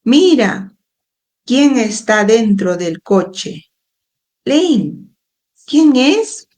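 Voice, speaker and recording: A woman's voice: mid-range voice, a little slow, a little mellow, lightly acted. A woman voicing a two-year-old boy who coaxes and pleads with his crying older brother, in a read-aloud storybook. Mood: coaxing. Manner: pleading, childlike coaxing.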